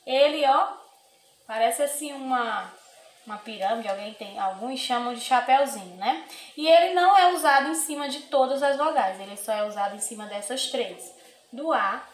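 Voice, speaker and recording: A woman teacher giving a recorded lesson to young children, patient and sing-song, slowly drawing out example words. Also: high voice, a little hiss or hum. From Brazil. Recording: echoey room with faint ambience.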